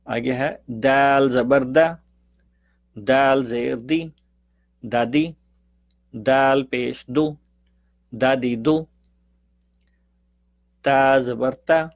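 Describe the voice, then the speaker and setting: Male recitation teacher at a middle pitch, unhurried, drilling syllables one by one and then explaining them more briskly, dry close sound. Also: vocal fry, darkish tone, no echo. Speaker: Quran reading teacher. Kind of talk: recited pronunciation lesson.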